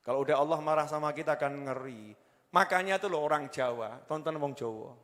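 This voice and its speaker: Loud, exhorting Javanese-accented preacher. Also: male voice, a little fast, long reverb tail. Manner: swings between loud exhortation and low joking asides. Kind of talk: sermon.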